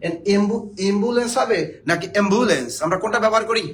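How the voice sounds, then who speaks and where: A man's voice: high voice, rapid-fire, fairly bright tone, slight background noise. A man from Bangladesh, teaching a spelling lesson for job exams, joking and quizzing his viewers.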